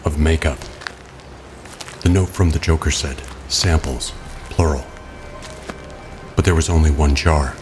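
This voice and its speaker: A male actor with a bass voice voices a stern, brooding masked vigilante with a protective streak in an audio drama, music playing behind him. He speaks tersely and gravely, calm and controlled, unhurried, leaving long pauses.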